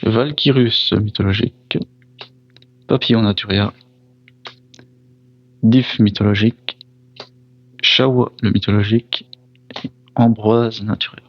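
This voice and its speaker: On the low side and steady in tone, a man's voice comes through dull audio with no echo. He casually comments while opening trading card packs, naming each card in turn, briefly reacting, and apologizing for mispronounced foreign names.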